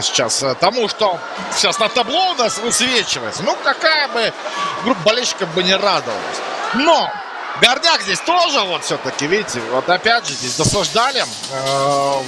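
A man giving live ice hockey commentary in a conversational way, pausing to find words. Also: high voice, very animated, very noisy.

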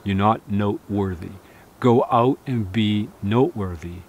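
Earnest thirties man, slightly low voice, casual to-camera advice outdoors, lots of fillers. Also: measured pace, darkish tone. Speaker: outdoor vlogger. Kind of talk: casual talk to camera, reading viewer comments. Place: outdoors in a snowy forest. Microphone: camera close in front, seated.

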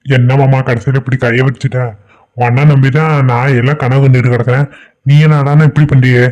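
A man's voice: medium pitch, little pitch movement, fairly quick, darkish tone, natural voice. A man voicing a young village man pleading to marry, whiny. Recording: dull lo-fi audio.

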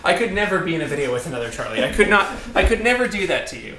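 A young man in his twenties hosting a casual livestream from a home kitchen, relaxed and laughing as he reads viewer messages, heard from a far camera. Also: high voice, racing. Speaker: host. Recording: echoey kitchen from a distance, loud noise.

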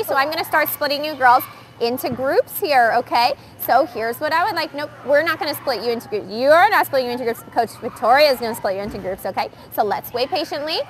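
A young woman coaching kids in a gymnastics gym, explaining stations calmly to viewers and calling out loudly to the girls. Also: high-pitched, a little hiss or hum. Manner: upbeat, switches between calm explaining and loud calls to the kids. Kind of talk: live coaching demo addressing kids and viewers. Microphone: wearing the microphone.

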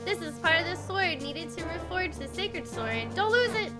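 A woman's voice: very high-pitched, lively intonation, normal speed, over loud music, pitched above the performer's own voice. A woman voicing a grave, earnest old king in a fantasy video game.

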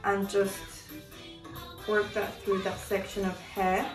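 Slowly and in a level, mid-range voice, a mother walks through her toddler's hairstyle in a casual tutorial, often correcting herself mid-sentence. A far camera in her Christmas-decorated living room picks up roomy sound, with music playing underneath.

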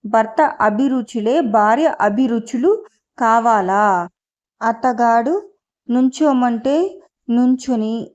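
A woman's voice: a little high, darkish tone, highs cut off. A woman voicing an earnest, indignant young wife in a storybook reading. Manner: earnest, questioning.

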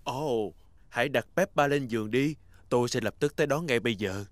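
A man voicing a calm, kindly brown bear doctor with a reassuring, professional manner in a dubbed cartoon. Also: mid-range voice, a little fast, natural voice. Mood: brisk, professional. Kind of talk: dubbed preschool cartoon acting.

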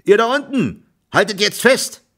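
A man reading an audiobook voices an excitable, blustering middle-aged male tenant farmer who talks loudly in exclamations. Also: on the low side, moderate pace, vocal fry, full character voice. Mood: hollering. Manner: loud, exclaiming, scolding.

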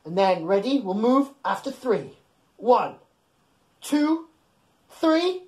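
Very high-pitched and sing-song, with a slightly mellow quality, this man in his thirties reads aloud to young children before bed. His delivery is playful, exaggerated and encouraging, and he pauses to put questions to his listeners. He's in a small room at home surrounded by soft toys.

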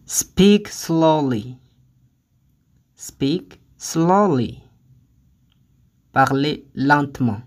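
A language teacher reading short phrases one at a time, saying each twice with careful, deliberate delivery, then giving the translation. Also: medium pitch, lively intonation. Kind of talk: slow phrase-by-phrase lesson reading.

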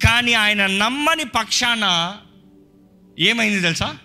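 A man preaching in a church service, his voice sitting fairly high and ringing very bright. He drives his points home with emphatic rhetorical questions to the congregation. Faint music lingers under his words. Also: animated, slow pace. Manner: answers a scripture reader with short affirmations. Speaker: pastor. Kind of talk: sermon.

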